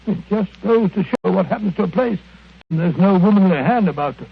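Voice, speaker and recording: Genial, flustered English doctor, husky voice, hesitant delivery, phone-thin vintage radio sound. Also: male voice, high-pitched, lively intonation, brisk, heavily acted. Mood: storytelling. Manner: hesitant, chuckling, blustery. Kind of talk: 1930s radio drama acting. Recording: thin, lo-fi 1930s radio recording.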